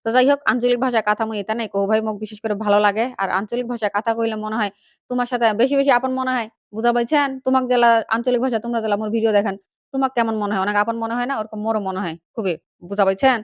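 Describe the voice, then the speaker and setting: Woman, Panchagarh regional accent, vlogger, chatty, very fast, lo-fi dry sound. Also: on the high side, steady tone, no room sound. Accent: Panchagarh regional Bengali. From Panchagarh, northern Bangladesh. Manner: chatty, addresses viewers directly. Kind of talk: casual chat to viewers.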